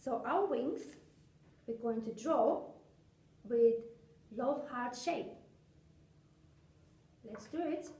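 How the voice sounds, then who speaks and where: Woman, slow pace, bright kids'-entertainer sing-song, simple craft instructions, echoey room. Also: on the high side. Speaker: children's craft presenter. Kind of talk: step-by-step craft demonstration for young children. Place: indoor craft room, seated at a table. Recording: echoey room, distant mic, background noise.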